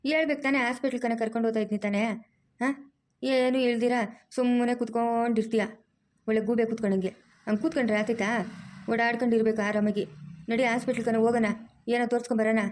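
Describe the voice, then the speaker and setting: A woman voicing a bossy, caring middle-aged village aunt, in a loud, scolding, teasing manner. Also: fairly high pitch, steady tone, fast, pauses often, slight background noise, close to an everyday voice.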